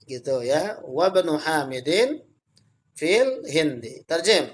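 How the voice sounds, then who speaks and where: A man's voice: fairly high pitch, animated, slow pace, rough recording. A man teaching an online Arabic grammar class, patiently explaining step by step and calling on students by name. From Indonesia.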